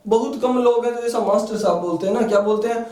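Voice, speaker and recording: High-voiced man teaching in an echoey room. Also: fast talker, darkish tone, far from the mic. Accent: Rajasthani. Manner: asks rhetorical questions and answers them, repeats "है ना". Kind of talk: classroom lecture for exam prep.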